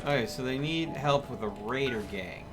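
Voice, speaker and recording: Over game music, a male streamer talks through his gameplay in a casual, rambling way, thinking aloud as he goes. His voice is mid-range and his pace moderate.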